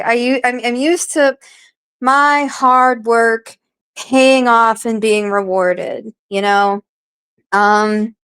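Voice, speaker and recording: A woman hosting a relaxed live stream talks straight to her viewers in a chatty, meandering way, dropping curses and filler words freely. Her voice sits somewhat high for a woman. She reacts to comments as she reads them. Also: smooth. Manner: rambling, profane, filler-heavy. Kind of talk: casual live-stream chat.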